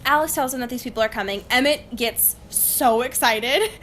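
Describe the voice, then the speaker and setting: A young woman with a fairly bright, slightly high voice talks at a normal speed while co-hosting a casual podcast book discussion. Wry and giggly, she laughs often and uses informal, slangy language, and the recording carries faint background noise.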